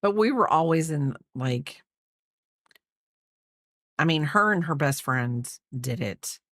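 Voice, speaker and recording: This middle-aged woman crochets while chatting casually, rambling, repeating herself, letting sentences trail off and counting stitches aloud. Her low voice is animated but slow, and the clean studio recording has no echo.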